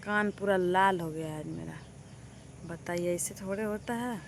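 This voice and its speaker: A woman's voice: on the low side, unhurried, vocal fry, noisy background. A young woman from Bihar, telling a story to her viewers in a casual vlog and complaining in exasperation. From Bihar, India. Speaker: vlogger. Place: doorway of a village house, outdoors.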